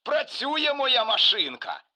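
A man voicing an excitable, teasing male inventor in a storybook, boisterous and proud of his gadget. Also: high-pitched, moderate pace, voice pushed up, full character voice. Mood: gleeful. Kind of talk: storybook character voice.

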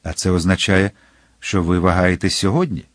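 A man's voice: deep voice, normal speed, no room sound, lightly acted. A man reading an audiobook and voicing a cunning, cold young noblewoman with a raised, coaxing voice. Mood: scheming.

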